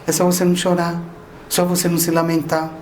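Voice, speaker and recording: A man's voice: a little high, monotone, fast talker, a little mellow, slight background noise. A man giving a spiritual lecture, talking conversationally and asking the audience questions. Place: lecture hall of a spiritist association.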